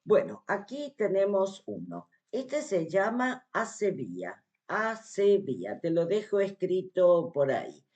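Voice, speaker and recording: A woman's voice: medium pitch, wildly swooping pitch, takes it slowly, hardly any pauses, a little mellow, dull audio. An Argentine woman with an Argentine Spanish accent, chatting casually to camera as a vlogger, explaining things step by step with lots of fillers. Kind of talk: casual vlog chat.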